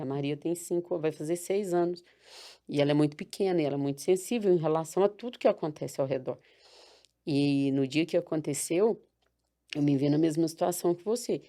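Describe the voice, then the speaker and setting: A woman in her thirties from Brazil, speaking in a somewhat low voice. She talks softly and reflectively and often restarts her sentences, as in a casual podcast chat. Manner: soft, reflective storytelling with frequent restarts.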